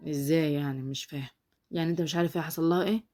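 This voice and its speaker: Female reader doing a cold indifferent Egyptian doctor, flat and quick, storybook reading. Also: deep voice. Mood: offhand.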